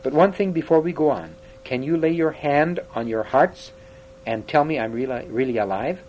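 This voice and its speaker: A man's voice: fairly high pitch, moderate pace, a little mellow, a little hiss or hum, natural voice, low-quality recording. A man voicing a cheerful stocky dwarf. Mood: eager. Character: stocky red-bearded male dwarf, cheerful and capable.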